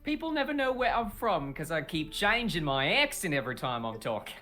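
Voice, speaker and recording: A woman playing a tabletop game, dry and quick to correct the others. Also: low-pitched, sing-song, a bit bright, faint music behind. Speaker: player.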